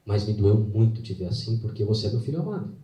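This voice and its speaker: A man voicing God as a tender, fatherly figure who speaks softly and reassuringly. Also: on the low side, expressive, quick pace, voice pushed down, natural voice. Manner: soft, reassuring. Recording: roomy hall, mic at a distance.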